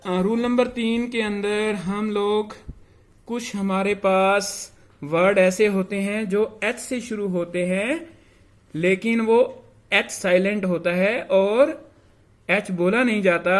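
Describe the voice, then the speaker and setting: A man teaching English grammar as a lesson, mixing English phrases into his explanation and repeating example words deliberately. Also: high-pitched.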